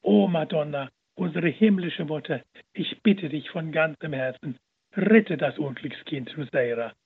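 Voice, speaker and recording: A man's voice: a little high, unhurried, creaky, slightly rough, narrow, tinny audio, heavily acted. A man voicing a devout elderly nun who fervently implores heaven, in a story read on the radio. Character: devout mother superior praying fervently.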